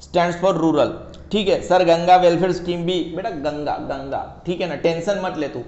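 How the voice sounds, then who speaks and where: Here the tutor speaks a little high and unhurried, with a slightly mellow quality, as he jokes through an economics lesson aimed at an imagined student, mixing in English words. Sound is echoey and lo-fi, from a dull room.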